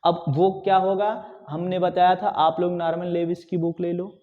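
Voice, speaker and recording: High-voiced man lecturing in an echoing classroom. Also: little pitch movement, normal speed. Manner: exhorting, repetitive, conversational. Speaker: teacher. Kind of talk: classroom lecture on exam preparation. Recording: dull lo-fi sound with long reverb.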